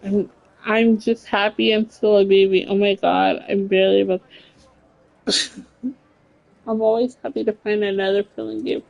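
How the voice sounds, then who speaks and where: A woman's voice: mid-range voice, flat delivery, normal speed, creaky, long pauses, lo-fi sound. A woman in her late thirties, a game streamer chatting casually with her live chat, blunt and laughing often, with plenty of swearing. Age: 30s.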